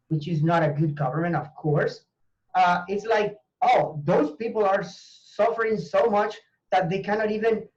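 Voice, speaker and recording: A man's voice: high voice, a little mellow. Guy, earnest teacher chatting on a video call, lots of ums and restarts, muffled lo-fi sound. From Venezuela. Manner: earnest, hesitant with many fillers and restarts. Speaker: language teacher, university professor. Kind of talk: conversational interview.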